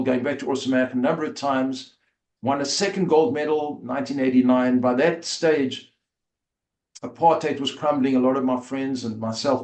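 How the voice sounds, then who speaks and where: South african guy in his 50s telling his story, mid pitch, lots of uhs and restarts, bit of room echo. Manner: earnest, with frequent fillers and restarts. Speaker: rabbi, interview guest. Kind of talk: conversational storytelling. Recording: roomy echo.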